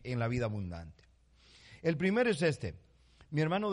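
Impassioned preacher, man. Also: fairly high pitch. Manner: impassioned preaching, sudden loud rises and hushed drops; addresses listeners as "mi hermano". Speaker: pastor. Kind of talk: sermon.

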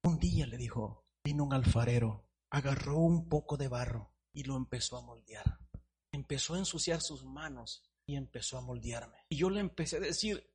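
A male pastor preaches to his church with emphatic repetition. His voice is husky and sits at a medium pitch. He swells loudly on key phrases. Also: normal speed. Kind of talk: sermon. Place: church congregation.

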